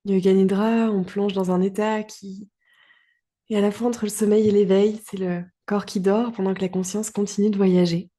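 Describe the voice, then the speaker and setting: In a dark, relaxed voice, a woman guides a yoga relaxation. Her middle-register pitch barely moves, and she speaks calmly and soothingly, letting long pauses fall between short phrases.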